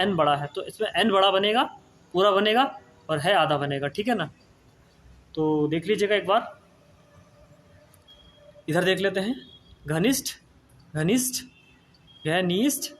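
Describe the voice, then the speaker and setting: A man's voice: high voice, a bit bright, slight background noise. A man teaching an exam-prep spelling lesson, repeating each word and checking in with his students after every answer. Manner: repeats words, asks and answers, tag "ठीक है ना".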